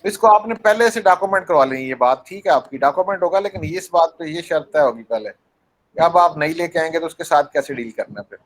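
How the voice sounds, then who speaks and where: A man's voice: a little high, lively intonation, fairly quick, poor audio. A man teaching a university class, explaining with small acted-out scenes, asking students questions and mixing English phrases into his talk. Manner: mixes English phrases into Hindi speech. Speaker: university lecturer. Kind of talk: classroom lecture.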